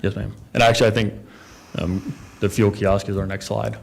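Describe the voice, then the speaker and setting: A man's voice: on the low side, little pitch movement, moderate pace, vocal fry, a little hiss or hum. A man presenting as a developer at a town council meeting, talking casually with many fillers and restarts.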